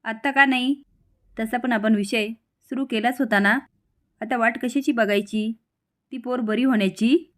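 A woman voicing an angry, scheming middle-aged mother who scolds her son in a shrill, raised voice. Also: fairly even intonation, unhurried, a bit bright. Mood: angry, scolding.

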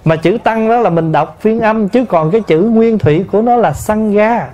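A man, a Buddhist monk, giving a sermon to an assembly and explaining pronunciation slowly with many repetitions. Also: high-pitched, dark tone, lo-fi sound. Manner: slow, explanatory, addresses the assembly, repeats terms to teach pronunciation. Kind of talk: sermon answering a listener's question.

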